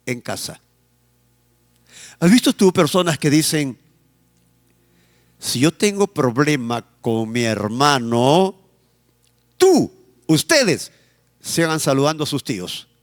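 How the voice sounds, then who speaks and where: A Peruvian pastor preaches with a high, lively voice that leaps up and down as he presses each point. He talks slowly and stretches his words. The sound rings with long reverb from a church hall. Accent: Peruvian Spanish. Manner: emphatic preaching, drawn-out phrases, asks the congregation to repeat. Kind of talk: sermon.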